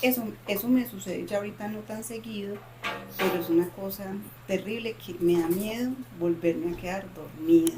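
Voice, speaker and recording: On a podcast she co-hosts, a woman at medium pitch and moderate pace tells a personal story. Her casual retelling is dramatic and animated, full of repeated phrases.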